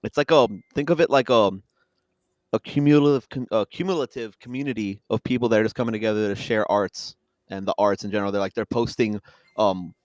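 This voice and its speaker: A young man from Long Island rattles along at a brisk clip, chatting casually as a guest. His delivery is animated and quick, with laughter slipping in between phrases. The sound is dry and close, with no room around it. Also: fairly low pitch, no echo. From Long Island, New York. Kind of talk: casual chat.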